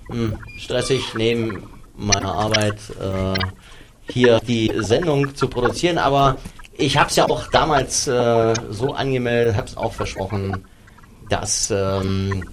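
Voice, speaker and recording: A man hosting a live radio chat show, talking haltingly with many fillers and restarts. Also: fairly low pitch, very noisy. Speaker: radio host.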